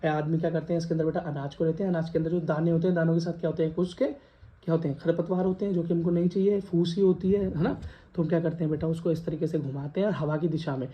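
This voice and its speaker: Male lecturer, Western Uttar Pradesh Hindi accent, brisk classroom delivery with questions to pupils, muffled lo-fi sound. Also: fairly high pitch, fairly even intonation. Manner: addresses students as beta, asks and repeats questions. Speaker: teacher.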